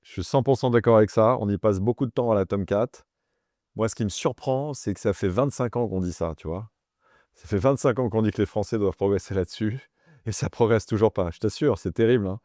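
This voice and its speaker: A man's voice: on the low side, fairly quick, mellow, dry recording, clean studio sound. A man hosting an interview podcast, speaking with enthusiasm and slipping English words into his questions. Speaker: podcast host.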